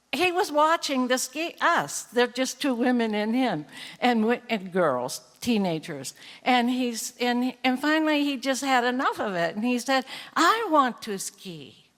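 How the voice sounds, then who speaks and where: Slow, older woman telling a wry story. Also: fairly high pitch, fairly bright tone, big-room sound. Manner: wry, laughing, self-correcting asides. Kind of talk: live stage storytelling. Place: theater stage before an audience.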